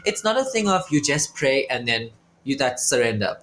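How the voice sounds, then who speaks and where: A young co-host of a faith podcast, animated and emphatic, with frequent affirmations. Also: medium pitch, normal speed, a little hiss or hum. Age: young adult. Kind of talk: casual faith discussion.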